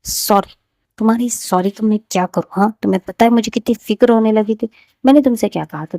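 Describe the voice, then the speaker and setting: A frantic young woman doctor, stammering and scolding out of worry for her wife, in a Hindi audio love story, put on by a woman narrator. The voice is dark and gravelly with a little fry, and it is recorded dry and close. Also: mid-range voice, no room sound, close to an everyday voice.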